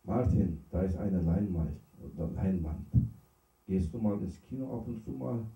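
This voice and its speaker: A man, a Sufi sheikh who is not a native speaker, tells stories in an unhurried, pausing sermon and laughs at his own jokes. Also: sits low, animated, lo-fi sound. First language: not German. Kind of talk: sermon with storytelling. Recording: roomy hall, distant mic.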